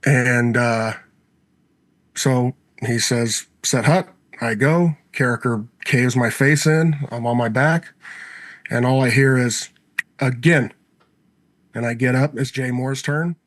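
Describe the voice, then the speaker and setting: A man's voice: mid-range voice, fairly even intonation, takes it slowly. A man in his thirties, a former pro lineman, telling a story in casual interview talk and acting out his old coach's lines. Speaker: former NFL offensive lineman, guest.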